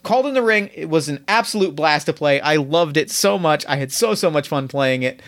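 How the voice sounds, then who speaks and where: A man's voice: a little high, expressive, brisk, a bit bright. A man hosting a podcast, talking in an enthusiastic, effusive and informal way as he introduces the show. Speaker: podcast host. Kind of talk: casual podcast introduction and interview.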